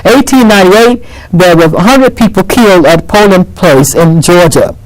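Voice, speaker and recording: A woman's voice: on the low side, moderate pace, low-quality recording. Emphatic woman teaching history in conversation. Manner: emphatic, repeats phrases for stress. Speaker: interview guest explaining history. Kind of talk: impassioned conversational history lecture.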